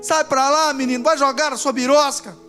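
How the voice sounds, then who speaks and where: Grumpy overworked father, gruff and snapping, as a preacher acts him; high voice. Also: fairly even intonation, moderate pace, soft background music. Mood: irritated harsh. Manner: gruff, shouting at child. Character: stressed, grumpy father, harsh temper.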